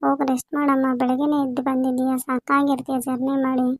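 A woman's voice: high-pitched, level tone, fast talker, no echo. A woman playing a doting village mother who fusses over her daughter in a family skit. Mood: fussing. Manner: fussy, insistent.

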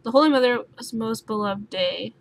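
A young woman playing a puzzle game and thinking out loud, swearing often and sounding sleepy. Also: a little high, moderate pace, gravelly. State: sleepy, just woke up. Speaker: gaming YouTuber. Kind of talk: let's play commentary. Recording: noisy home recording with keyboard sounds.

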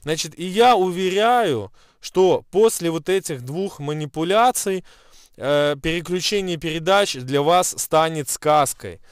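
A man's voice: fairly high pitch, measured pace, clear, resonant tone, dry recording, studio quality. A man in his thirties who cannot roll his r, explaining a repair step by step in a how-to vlog. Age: 30s. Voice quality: soft, non-rolled r (a burr). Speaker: car repair vlogger. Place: inside a parked car at night. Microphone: camera at arm's length.

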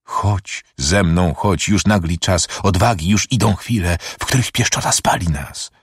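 Hushed, urgent rescuer in a storybook reading, a man with a very deep voice. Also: a little slow, slightly rough, no room sound, studio quality, full character voice. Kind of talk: audiobook reading of a verse drama.

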